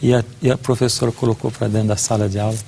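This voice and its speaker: A man's voice: fairly low pitch, flat delivery, racing, creaky, warm tone, slight background noise. A middle-aged man, a guest preacher, giving a devotional talk and telling a personal story earnestly, acting out the dialogue.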